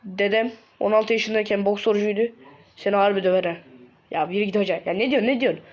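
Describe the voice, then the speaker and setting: A woman at an ordinary pitch, rambling and exasperated in a solo comedy sketch. She often shouts in frustration. The recording sounds dull and lo-fi. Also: steady tone, fast talker.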